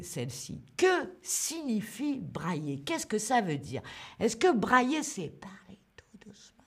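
A woman hosting a livestream lesson for French learners, speaking slowly and clearly and greeting viewers by name. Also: medium pitch, a bit bright. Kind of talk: live online language lesson.

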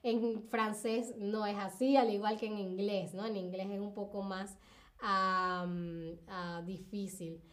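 A woman's voice: mid-range voice, level tone, takes it slowly. A young woman teaching spelling on a live stream, explaining patiently with fillers and cheering her viewers on. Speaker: Spanish teacher.

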